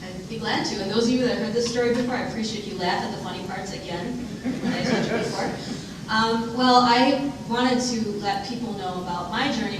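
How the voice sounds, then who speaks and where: Candid woman in an echoey room. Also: mid-range voice. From United States. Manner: candid, self-deprecating, many ums. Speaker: interview guest, diversity director. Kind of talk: onstage interview. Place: event room with audience. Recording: echoey room, distant mic, noisy.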